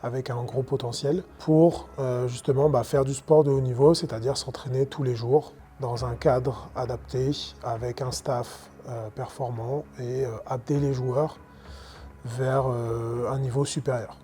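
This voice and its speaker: A man's voice: medium pitch, fairly even intonation, unhurried, mellow. A man explaining carefully in an interview, with many hesitations.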